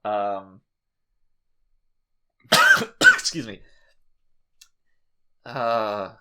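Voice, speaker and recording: A man's voice: fairly low pitch, huge pitch swings, very slow, very noisy. A man hosting a podcast in casual chat, joking and irreverent and swearing freely. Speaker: podcast host.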